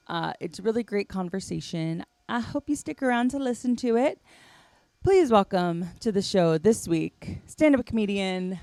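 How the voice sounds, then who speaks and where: Woman host, casual rambling talk, mid pitch, dry room. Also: darkish tone, clean tone, no room sound. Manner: chatty, rambling with fillers. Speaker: podcast host. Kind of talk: casual chat.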